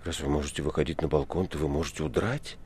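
A low-voiced man reading a hot-headed young poet in a storybook. He blurts his words out bluntly and grows loud and agitated. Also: quick pace, slight background noise. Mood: curious. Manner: blunt, excitable outbursts.

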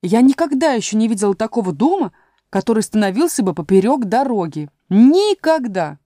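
A woman's voice: on the high side, animated, fast talker, dark tone, dry recording, studio quality, voice pushed up. A woman voicing a curious, polite young girl in a storybook reading, asking earnest questions. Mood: excited.

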